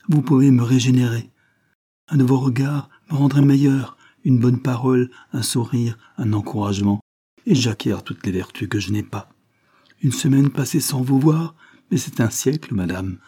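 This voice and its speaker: A man's voice: fairly low pitch, lively intonation, normal speed, few pauses, dark tone, slightly rough, no room sound, studio quality. A man reading aloud, voicing a desperate lovesick man who pleads passionately and tearfully. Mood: pleading.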